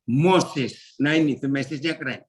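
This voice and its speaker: A male pastor preaching to a prayer group, reading verses aloud, directing helpers to the slides, and jumping up in pitch for emphasis. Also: moderate pace, rough recording. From Indonesia. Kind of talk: sermon.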